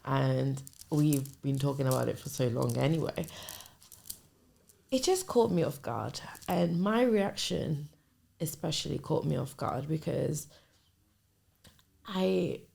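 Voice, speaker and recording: A young woman in her twenties shares a personal story on her podcast, speaking candidly and hesitantly. Her voice sits low and carries a strong gravelly fry. The tone is warm and husky. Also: lively intonation, takes it slowly, pauses often. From Nigerian family. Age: 20s. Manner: candid, hesitant, trails off and restarts. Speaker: podcast host. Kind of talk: personal storytelling, casual confessional.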